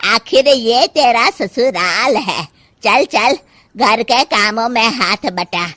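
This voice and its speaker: A woman voicing a bossy older village mother-in-law who scolds slowly and emphatically. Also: fairly high pitch, animated, fairly bright tone, dry recording, heavily acted. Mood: scolding.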